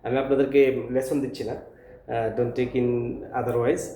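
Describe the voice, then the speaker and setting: A man's voice: mid-range voice, little pitch movement, measured pace, warm tone, a little hiss or hum. A male English teacher speaking informally to parents, hesitant, with many filler sounds, earnest. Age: adult with a school-age child. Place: classroom. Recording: echoey room, faint ambience.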